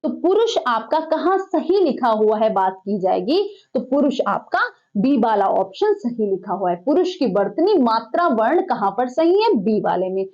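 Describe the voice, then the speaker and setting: High, lively teacher woman. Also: muffled recording. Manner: asks the class questions, then answers them herself. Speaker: Hindi teacher. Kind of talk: exam-prep lesson solving questions.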